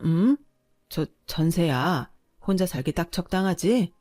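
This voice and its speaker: A woman voicing a gentle, guilt-ridden older working-class father who speaks in a soft, reassuring, subdued way in a radio drama. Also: fairly low pitch, animated, a little slow, no echo, studio quality. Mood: easygoing.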